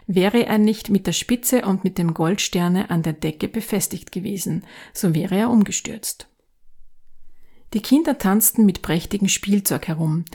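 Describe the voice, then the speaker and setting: A woman narrating a fairy tale in a calm, even storytelling voice. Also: medium pitch, a little slow, breathy edge.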